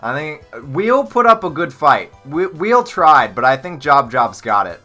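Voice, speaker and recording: A man's voice: medium pitch, big pitch swings, normal speed, bright, forceful tone, faint music behind. A man hosting a casual game livestream, talking to chat in a playful, chatty, goofy way. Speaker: streamer.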